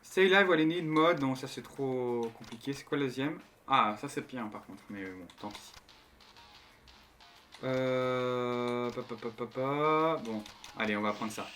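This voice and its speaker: A man's voice: medium pitch, measured pace, fairly bright tone. A man doing casual, slangy gameplay commentary and talking to his viewers. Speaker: gaming streamer. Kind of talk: casual gameplay commentary, reading game dialogue aloud. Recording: music behind the voice.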